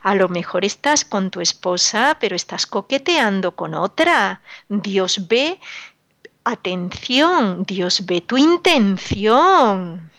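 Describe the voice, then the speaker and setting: This religious radio speaker preaches to her listeners at a slow pace, her medium-pitched, slightly bright voice swinging widely in pitch. The recording has no echo. Sorrowful yet emphatic, she admonishes her audience, repeats words, and asks rhetorical questions.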